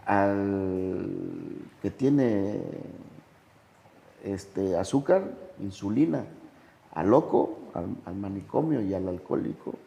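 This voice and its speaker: A man, talking slowly and reflectively as a sponsor, telling anecdotes with big swings in pitch. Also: lively intonation, vocal fry, dark tone, big-room sound, muffled recording. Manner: slow, measured delivery with dramatic pitch swings when telling anecdotes. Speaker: sponsor and podcast guest. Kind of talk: reflective conversational storytelling.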